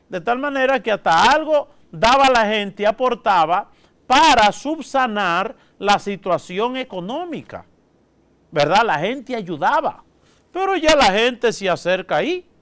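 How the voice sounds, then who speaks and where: A priest with a Dominican accent preaches in a casual, down-to-earth way. His voice is high for a man and full of swings in pitch. The tone is clean and resonant, and he keeps turning to the listeners with short asides. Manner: lively, folksy, peppers speech with "¿verdad?" and "oiga". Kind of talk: colloquial preaching.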